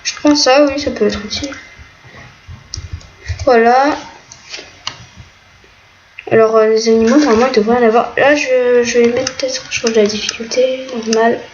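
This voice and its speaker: A woman's voice: on the high side, fairly even intonation, normal speed, long pauses, a little mellow. A woman giving casual, hesitant commentary while playing a game, with many fillers. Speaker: gaming video creator. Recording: muffled lo-fi mic, faint noise, keyboard clicks.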